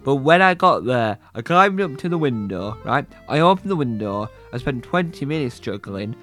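A man's voice: mid-range voice, big pitch swings, normal speed, fairly bright tone, faint music behind, pitched below the performer's own voice. A man voicing an earnest, persistent male talking badger, rambling as he explains himself. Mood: explaining.

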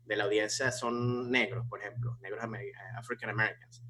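A man's voice: fairly low pitch, fairly quick, a little hiss or hum. A man, a stand-up comedian, talking casually with lots of restarts and fillers. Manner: animated, many restarts and fillers. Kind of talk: casual conversation.

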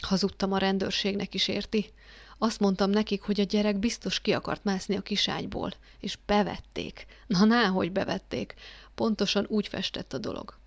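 A woman voicing a haunted, guilt-ridden father confessing in a flat, hollow tone that breaks into agitation. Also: mid-range voice, gravelly, dry recording. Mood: defensive.

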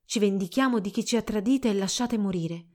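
A woman's voice: medium pitch, a little fast, darkish tone, natural voice. A chorus of vengeful ghostly brides chanting in a solemn way, as a woman reading the story puts them on. A grim fairy-tale spirit chorus.

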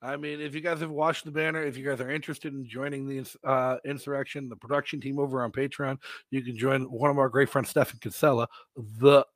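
A man hosting a casual podcast, telling stories in an animated way and laughing often. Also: mid-range voice, a little fast, no room sound. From New Hampshire, United States. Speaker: podcast host.

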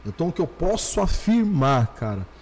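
A male pastor telling his conversion story on a podcast, animated, slowing down and repeating phrases for emphasis. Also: fairly high pitch, long reverb tail, a little hiss or hum. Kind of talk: podcast testimony.

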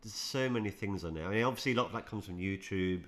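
Agreeable low-voiced podcast co-host. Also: male voice, fast talker. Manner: agreeable, chuckling, many short affirmations. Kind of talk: casual podcast chat.

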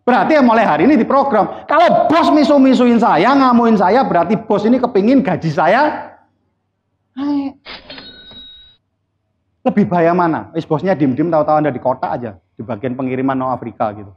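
A man's voice: high voice, animated, moderate pace. A man giving a live motivational seminar, blunt and teasing, quizzing the audience with questions. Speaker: seminar speaker. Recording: dull lo-fi recording.

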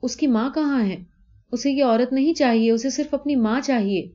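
A woman's voice: warm tone, highs cut off, close to an everyday voice. A woman doing a small wondering girl. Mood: longing. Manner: high, questioning child voice. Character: small girl, wondering and missing her mother.

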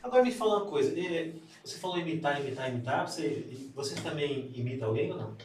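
Apresentador rápido e falante, em sala ecoante. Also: male voice, fairly high pitch, lively intonation, far from the mic, a crowd in the background. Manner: quick, chatty, prompting questions. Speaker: podcast host. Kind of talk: casual interview. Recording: echoey room, off-mic.

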